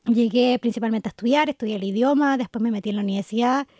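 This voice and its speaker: A young adult Chilean woman co-hosting a casual conversation, chatty and quick to laugh. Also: on the high side, darkish tone, no echo, studio quality. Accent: Chilean Spanish. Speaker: co-host.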